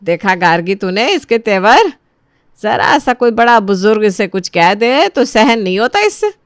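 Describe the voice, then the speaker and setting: A woman voicing a nagging, sharp-tongued older mother-in-law who scolds and taunts. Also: medium pitch, big pitch swings, measured pace, no echo, clean studio sound. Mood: scolding.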